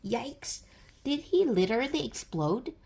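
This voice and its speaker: Woman playing a plucky, slow-paced young male superhero. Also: on the high side, sing-song, gravelly, a little mellow, breathy edge, voice pushed up, exaggerated voice. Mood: flustered. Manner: quippy, exclamatory.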